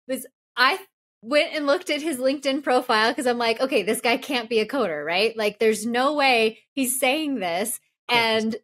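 A woman's voice: fairly high pitch, fairly bright tone. A woman co-hosting a tech podcast, chatty and laughing as she sets up the topic. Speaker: podcast co-host. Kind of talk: casual tech chat.

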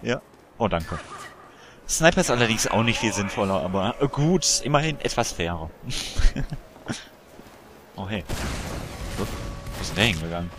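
Casting: male let's play host, lowish voice, lively swings, chatty banter, game music behind. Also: normal speed, long pauses, background noise. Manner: excitable, chatty, bantering with other players. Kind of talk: casual gameplay commentary.

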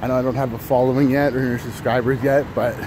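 A man's voice: mid-range voice, flat delivery, fast. A man in his thirties chatting casually while walking, a bit out of breath, rambling with many fillers and restarts. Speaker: vlogger. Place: city street outdoors in early morning. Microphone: phone held at arm's length. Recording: phone audio with street noise. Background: traffic and city noise.

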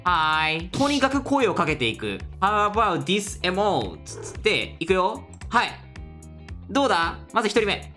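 Lively Kansai-accented young woman gamer. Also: fairly low pitch, normal speed, faint music behind. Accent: Kansai Japanese. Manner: chatty, animated, talks to viewers. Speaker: gaming YouTuber. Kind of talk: let's play commentary.

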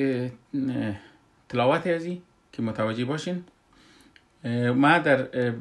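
Hesitant Afghan Dari-accented man teaching. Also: mid-range voice. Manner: hesitant, many "uh" fillers, then slow drawn-out recitation. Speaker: tajweed teacher. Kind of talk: slow explanatory Quran recitation lesson.

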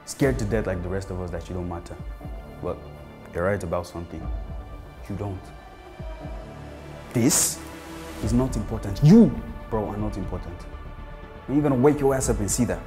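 A man's voice: moderate pace, pauses often, natural voice. A young man in his twenties performing a monologue as a blunt friend tearing into a fading star. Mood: cold. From Nigeria. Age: 20s. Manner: confrontational, swings from low scorn to loud outbursts. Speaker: actor performing an audition monologue. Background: faint music.

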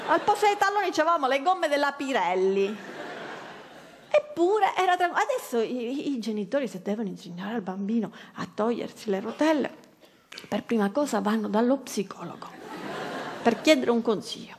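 A woman's voice: fairly high pitch, big pitch swings, normal speed, a little hiss or hum. A woman comedian, telling an ironic stand-up story. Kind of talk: stand-up monologue.

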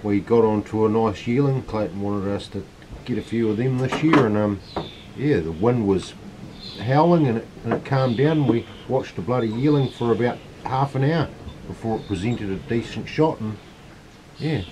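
A man's voice: mid-range voice, normal speed. A man, chatting casually in a small hut. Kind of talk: casual chat. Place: small hunting hut, indoors. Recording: slightly noisy camera audio.

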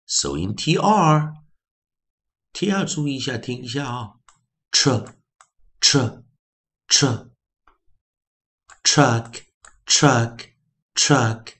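A male English phonics teacher giving a classroom lesson, slowly repeating each sound and word in drills with a lively, teacherly pitch. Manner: slow drilled repetition of sounds.

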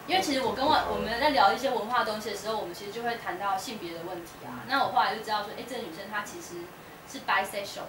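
A woman giving a casual public talk at a bookstore, chatty, with many fillers and restarts. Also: medium pitch. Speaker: guest speaker at a bookstore talk. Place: indoor bookstore event space. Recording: roomy echo, distant mic, noisy room.

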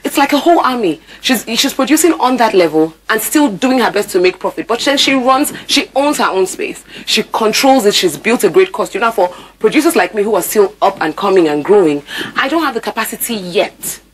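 The low-quality recording, with slight background noise, captures a Nigerian-accented woman in her thirties, an actor and theatre producer, being interviewed as a guest in an indoor TV studio via a lapel mic. Her mid-range voice has lively intonation and runs a little fast, and she drives points home by emphatically repeating words in this broadcast conversation.

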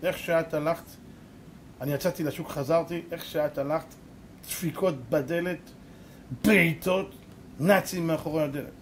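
A man voicing a rich woman employer, harsh and shrill when angry, later softened. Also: fairly even intonation, long pauses, slight background noise, lightly acted. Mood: earnest.

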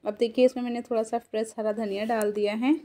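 Flat-toned woman explaining a home recipe. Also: on the high side, fast, slight background noise. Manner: steady, explaining each step to viewers. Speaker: cooking channel host. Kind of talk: casual cooking voice-over. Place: home kitchen.

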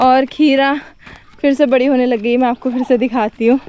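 High-voiced woman vlogging outdoors in fields. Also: steady tone, moderate pace, mellow. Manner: chatty, shows things to viewers. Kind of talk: casual farm vlog narration.

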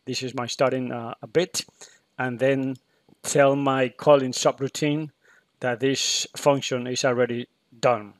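A man talks slowly through his code in a screen-recorded tutorial, pausing often with fillers and restarts. His voice sits at an ordinary pitch. The recording is close and dry. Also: level tone, no echo. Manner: hesitant, many fillers and restarts. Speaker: PLC programmer demonstrating code.

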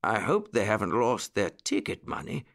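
A man voicing an elderly, cheerful rabbit gentleman in a storybook who speaks eagerly and keeps exclaiming. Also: fairly low pitch, moderate pace, creaky. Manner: excitable, exclaiming.

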